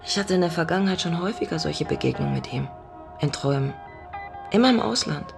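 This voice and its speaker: In an intimate radio drama, an actress with a low, gravelly, expressive voice plays a lonely middle-aged woman haunted by her vanished father. She speaks quickly in a playful, teasing, reflective manner, and the mood is dreamy and wistful, with music in the background.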